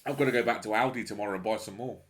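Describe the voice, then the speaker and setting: A man's voice: on the low side, very fast, crowd noise. A man with an English accent hosting a podcast over a video call, chatting casually and joking with plenty of swearing. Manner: swears freely, jokey, laughs often. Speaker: podcast host. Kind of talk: casual chat over drinks. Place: home bedroom video call.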